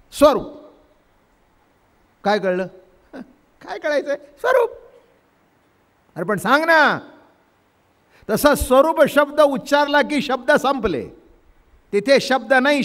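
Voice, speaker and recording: Older male Marathi kirtan preacher with a high voice who tells stories, chants verses and quizzes his listeners. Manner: storytelling, acting out family voices and quoting verses in a chanting lilt; asks the audience questions and drops to a soft, low voice when explaining. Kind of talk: devotional kirtan discourse.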